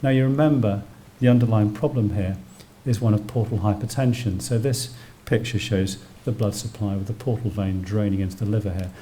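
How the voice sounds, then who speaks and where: A British doctor gives a public lecture on emergency radiology in an indoor venue, explaining technical terms plainly as he goes. His voice is lowish and mellow, with a steady tone and a fairly quick delivery with few pauses. There's a little hiss or hum on the recording.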